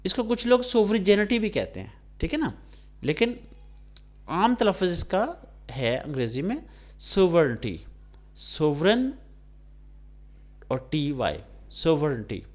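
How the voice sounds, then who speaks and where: A man's voice: fairly high pitch, very animated. A man from Pakistan teaching English to blind students, spelling words out letter by letter and translating them into Urdu. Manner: slow, spelled-out dictation of words, switching between English and Urdu; addresses students by name, checks understanding. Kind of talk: recorded classroom lecture.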